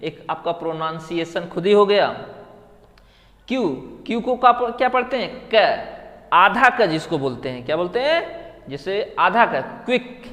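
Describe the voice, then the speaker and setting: A man's voice: high voice, lively intonation, a little slow, pushed and bright. A man teaching a classroom lesson, drilling his students with repeated questions and answers. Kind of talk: classroom lesson on English letter sounds. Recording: long reverb, hall-like room.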